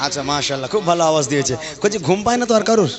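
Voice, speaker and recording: A man's voice: a little high, expressive, racing. A man announcing on stage, joking with and coaxing a live crowd. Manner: teasing, coaxing the audience. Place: live outdoor gathering on a stage. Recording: crowd noise behind.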